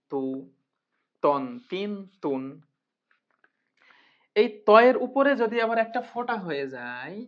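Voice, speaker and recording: Woman teacher drilling sounds, muffled. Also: low voice. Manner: patient, repeats and drills each sound slowly. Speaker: Quran reading teacher. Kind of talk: recorded lesson. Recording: muffled lo-fi recording.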